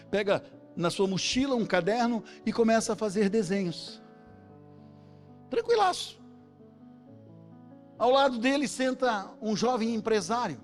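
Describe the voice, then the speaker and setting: A man with a Brazilian Portuguese accent preaching a sermon, telling a story and acting out the voices of its characters, building up to shouts. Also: high-pitched. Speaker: pastor.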